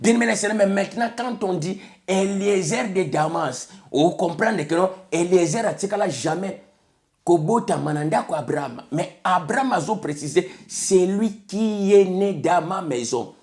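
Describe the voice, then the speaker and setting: A man from Congo, his high voice slightly mellow, preaches at a measured pace with emphasis. His French carries a Congolese accent, he slips into Lingala too, and "bien aimé le Seigneur" recurs throughout.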